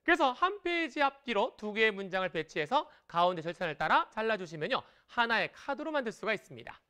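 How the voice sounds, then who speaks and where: A woman teaching Chinese in a broadcast lesson, lively and encouraging as she explains tones and patterns. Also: medium pitch, a little fast, clean tone.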